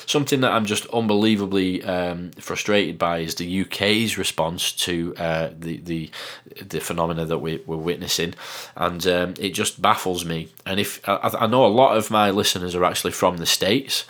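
Male podcast host, northern English accent, low deep voice, casual rambling delivery. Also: steady tone, normal speed, fairly bright tone. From northern England. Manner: rambling, many fillers and restarts. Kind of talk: casual monologue.

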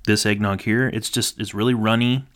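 A man's voice: on the low side, fairly even intonation, brisk, a bit bright. A man co-hosting a casual podcast, talking hesitantly with lots of fillers and restarts. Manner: hesitant, filler-heavy, self-deprecating. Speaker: podcast co-host. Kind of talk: casual chat.

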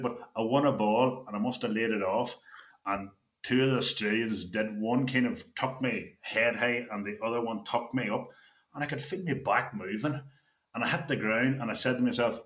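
A man's voice: mid-range voice, a bit bright. Man telling stories, echoey. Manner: laughing anecdotal storyteller, repeats himself. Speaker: former player. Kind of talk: storytelling chat. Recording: roomy echo.

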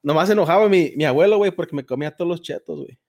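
A man's voice: a little high, very fast, a little mellow. A man with a Chicano accent chatting casually, mixing Spanish with English slang and telling stories full of swearing. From Mexican-American, California. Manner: slangy, profane, storytelling.

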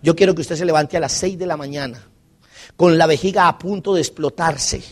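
High-voiced Colombian man telling stories. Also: a little fast. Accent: Colombian Spanish. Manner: animated, asks the audience questions and jokes. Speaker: motivational speaker. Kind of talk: live storytelling talk to an audience.

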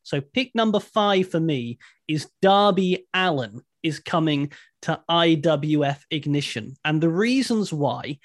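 Upbeat man with a higher, dry voice. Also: lively intonation, a little slow, no room sound. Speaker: podcast co-host. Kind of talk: casual podcast chat.

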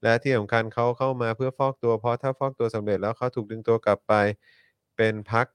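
A man co-hosting a casual live stream in a relaxed, chuckling way, slowly reading viewer comments aloud. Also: mid-range voice, smooth, no echo. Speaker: co-host.

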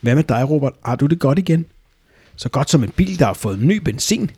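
A man's voice: a little high, lively intonation, darkish tone, slightly rough. Danish man reading a story, laughing often. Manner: laughs often, stammers and restarts. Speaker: podcast co-host reading a listener's story. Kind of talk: casual chat and story reading.

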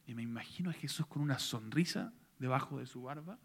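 Retelling a story during a sermon, a man swings between hushed moments and loud, intense passages. His pitch is medium and his pace fairly quick.

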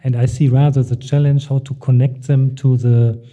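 A man, a non-native English speaker, answering interview questions in a hesitant, halting way, searching for words as he explains his work. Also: medium pitch, flat delivery, dark tone, dull audio. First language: not English. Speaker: interview guest working in European youth work.

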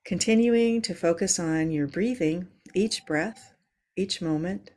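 A woman leads a calm grounding meditation as host, giving slow, measured, soothing instructions. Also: fairly low pitch. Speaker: host leading a guided breathing exercise.

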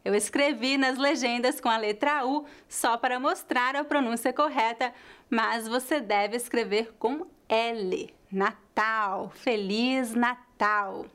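A slow, careful woman teacher from Northeast Brazil, with a mixed Brazilian Portuguese accent that leans toward São Paulo. She has a fairly high voice and walks through each pronunciation point deliberately, repeating the example words. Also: fairly bright tone. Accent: mixed Brazilian Portuguese, closest to São Paulo. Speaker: language teacher. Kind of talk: pronunciation lesson.

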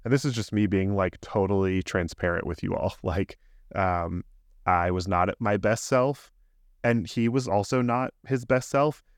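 Low-voiced dad telling a candid story. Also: male voice, moderate pace, no echo, studio quality. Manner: rambling, candid storytelling with laughs. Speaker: podcast co-host. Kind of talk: casual chat.

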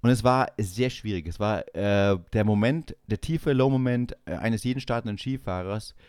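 A man's voice: fairly low pitch, moderate pace, smooth, no echo, clean studio sound. A young man telling a long personal story in casual chat, acting out the voices of the people in it. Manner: animated storyteller acting out quoted dialogue. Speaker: podcast co-host.

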